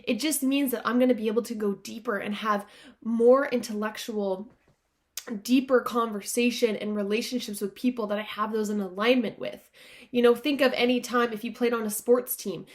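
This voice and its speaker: A woman's voice: fairly high pitch, steady tone, normal speed. A woman podcast host with a nasal, stuffed-up voice, as if pinching her nose from allergies, speaking earnestly and informally to listeners in a motivational self-help style.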